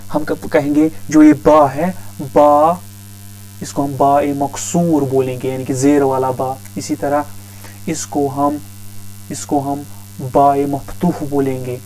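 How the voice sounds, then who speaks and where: A man's voice: on the high side, dark tone, poor audio. A man teaching a grammar lesson, patiently repeating each term several times. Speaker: Arabic teacher.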